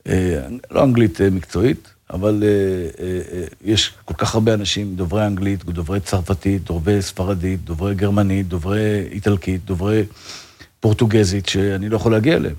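A rabbi talking in an interview, earnest and fervent, with frequent religious phrases and restarts. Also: male voice, deep voice, steady tone, mellow. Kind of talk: casual interview talk.

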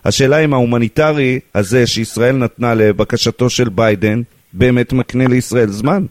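A man's voice: medium pitch, no room sound, studio quality. A man with an Israeli accent questioning a guest as co-host of a live radio news show.

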